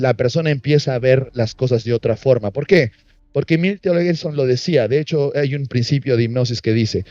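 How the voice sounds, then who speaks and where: A man's voice: on the high side, warm tone, no room sound, dull audio. A man teaching a workshop, telling a story about a client and acting out both sides of the dialogue. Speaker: NLP trainer.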